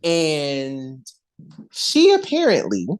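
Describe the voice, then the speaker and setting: A woman hosting a podcast, chatting in a relaxed, gossipy way. Her pitch swings widely from high to low as she talks, but she takes her time, drawling through her points. She sprinkles in slang and laughs often. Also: drawn-out words, clean tone. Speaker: podcast host. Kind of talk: casual gossipy chat.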